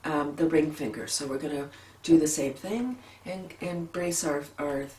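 Lowish-voiced woman leading breathing exercises, soft sighs, roomy echo, kinda far from the mic. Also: unhurried. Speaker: laughter yoga leader. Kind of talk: guided relaxation lesson. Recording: echoey room, a bit off-mic, faint background hum.

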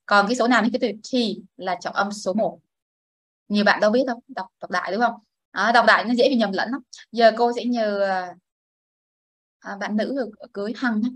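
An English teacher, a woman with a mid-range, slightly bright voice, talks fairly quickly as she teaches pronunciation to a class. She explains with patience and demonstrates words for students to echo, with no echo in the recording.

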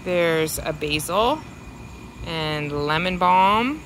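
A home gardener gives a casual walking tour of her suburban backyard, filming from behind a handheld phone and fondly describing each plant at an unhurried pace. Her voice is fairly low and animated, with a noisy background outdoors.

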